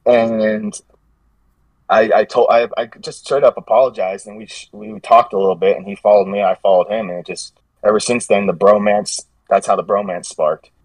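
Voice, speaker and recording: Low-voiced man rambling through a story. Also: fairly even intonation, normal speed, darkish tone, dry recording, recorded from a distance. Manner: rambling, self-correcting storyteller with frequent restarts. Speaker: podcast guest, gym meme page creator. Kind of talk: casual podcast chat.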